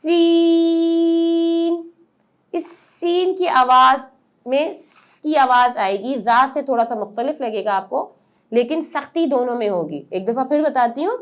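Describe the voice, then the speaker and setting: A woman teaching Quran letter pronunciation step by step, explaining patiently and then drawing out each letter sound slowly and loudly. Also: high voice, expressive.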